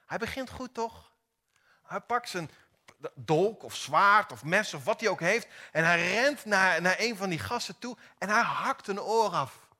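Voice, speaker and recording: A man preaching a sermon, retelling a story dramatically with lively acted-out dialogue. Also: sits high, unhurried.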